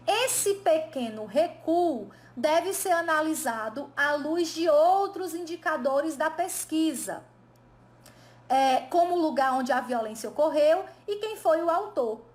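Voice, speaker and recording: A Brazilian woman with a high voice teaches an exam review class. She explains patiently, often asking a question aloud and answering it herself, the way a teacher walks students through answers. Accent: Brazilian Portuguese. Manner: didactic, asks and answers her own questions. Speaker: Portuguese teacher.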